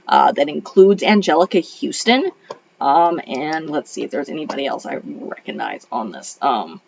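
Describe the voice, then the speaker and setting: Deep and creaky, this middle-aged woman's voice still sounds a bit off from a cold she's getting over. A retired librarian and homeschool mom, she rambles through a casual film review at home in Arizona, full of ums and restarts. The lo-fi audio is dull.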